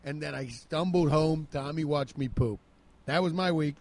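Man, comedy podcast co-host, rambling absurd storyteller, fairly high voice. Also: normal speed, darkish tone, dry recording. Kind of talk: improvised comedy banter.

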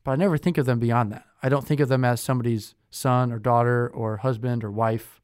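A man's voice: medium pitch, fairly even intonation, a little fast, a little mellow, clean tone, no echo. Chatty young man, dry close sound. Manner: chatty, with many fillers and self-corrections. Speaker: podcast co-host. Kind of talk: casual conversational chat.

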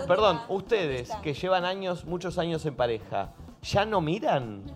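Rioplatense male host, a touch high, teasing and playful, live talk show. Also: animated, unhurried, faint music behind. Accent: Rioplatense Spanish. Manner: playful, teasing questions to guests.

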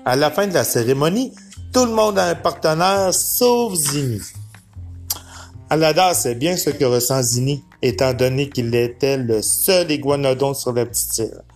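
A man narrating a children's storybook aloud in an expressive, dramatic way. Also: medium pitch, moderate pace, soft background music.

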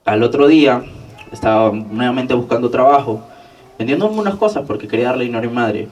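A young man from Peru with a Peruvian Spanish accent, telling his life story as an interview guest in an animated way that repeats phrases for emphasis. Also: mid-range voice, fairly quick, recorded from a distance, dull audio. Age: young adult. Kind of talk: personal life story told in conversation.

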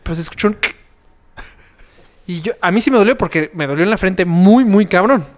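High-voiced Mexican man telling a story. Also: normal speed. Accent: Mexican Spanish. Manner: animated, slangy, laughs often. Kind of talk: casual storytelling among friends.

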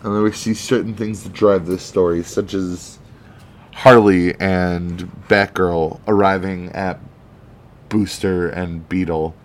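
A man giving casual, excited commentary on a comic book, chatty and swearing now and then. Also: sits low, slow pace.

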